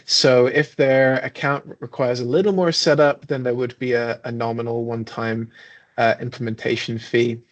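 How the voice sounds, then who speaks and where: A man's voice: medium pitch, little pitch movement, moderate pace, lo-fi sound. A man speaking as a guest on a business webcast, easygoing and chatty, explaining his company's plans. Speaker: guest, software company representative. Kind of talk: casual interview chat.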